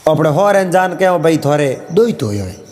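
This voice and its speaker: A man's voice: on the high side, moderate pace, faint music behind. A man with a Marwari accent narrating a folk tale, voicing the characters' dialogue as he goes. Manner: lively storytelling with dialogue voices. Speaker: storyteller.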